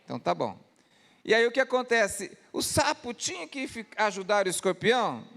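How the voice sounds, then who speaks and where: High-voiced, lively male preacher. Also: moderate pace, creaky. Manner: asks the congregation rhetorical questions. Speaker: pastor. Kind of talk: lively storytelling sermon. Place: church service.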